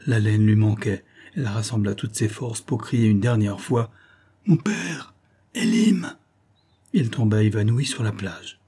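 A man narrating a classic novel as an audiobook, measured and dramatic. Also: on the low side, fairly even intonation, warm tone, slightly rough. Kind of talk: scripted literary narration.

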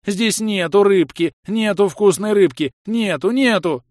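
A man's voice: high voice, darkish tone, no echo, clean studio sound, voice pushed up. A man voicing a small cowardly male swamp water-creature that wails in panic and drags out its words. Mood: panicky shrieking. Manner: panicky wailing squeal, drawn-out words.

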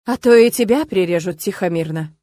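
A woman reads out a defiant young heroine in an audiobook romance. She is sharp-tongued and sarcastic. The sound is dry and close. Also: fairly low pitch, a little fast, no room sound, lightly acted. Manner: sarcastic, snappy.

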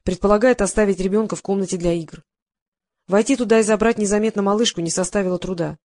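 A man's voice: sits high, fast, darkish tone. A woman reading an audiobook, voicing a guilt-ridden middle-aged male psychotherapist who mumbles defensively through his confession. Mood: confessing.

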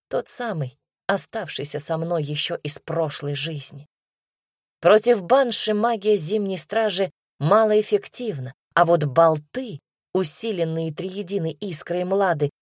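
A woman reading a first-person fantasy audiobook in a steady, expressive way. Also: lowish voice, no room sound, clean studio sound. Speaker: audiobook narrator.

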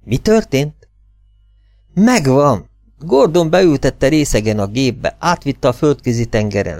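A man reading a humorous novel aloud as an audiobook, with lively, expressive storytelling. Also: on the low side, dry recording. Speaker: audiobook reader.

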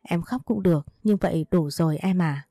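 Woman voicing kind husband, soft patient delivery, dark mellow tone, dry close sound, audio story. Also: lowish voice, normal speed, dry recording. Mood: soothing. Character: gentle caring adult husband, man. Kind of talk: read storybook dialogue.

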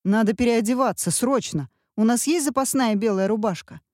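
Woman doing frantic nagging dad, voice pushed up high, dark dry read. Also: normal speed, no echo, close to an everyday voice. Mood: agitated. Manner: agitated, nagging questions. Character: anxious fussy husband, shouting and fretting.

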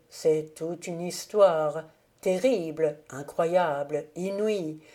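A woman reading a classic novel aloud as an audiobook narrator, calm and measured. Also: on the low side. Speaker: audiobook reader.

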